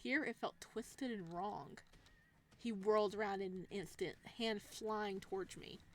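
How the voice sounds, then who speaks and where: At a measured pace and in a mid-range voice, a woman reads out a visual novel's text as a let's player. Her casual commentary is playful, giggly, and full of reactions.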